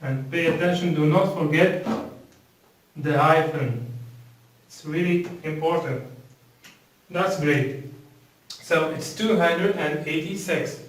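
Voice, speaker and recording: Moroccan male teacher, slow deliberate drilling delivery, a bit high, echoey distant room. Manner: repeats words slowly for pronunciation drills. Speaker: English teacher. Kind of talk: slow, deliberate language lesson. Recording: roomy, from a distance.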